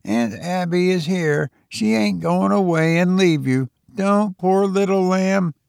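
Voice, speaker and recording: A man's voice: high voice, expressive, takes it slowly, gravelly, a little mellow, smooth, dry recording, studio quality, full character voice. A man reading aloud, voicing a kindly elderly New England woman with folksy, soothing speech.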